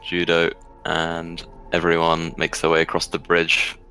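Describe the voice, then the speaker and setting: A man narrating a tabletop role-playing game as game master, describing scenes in a halting, measured way. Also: low-pitched, monotone, sharp tone, smooth, faint music behind, rough recording.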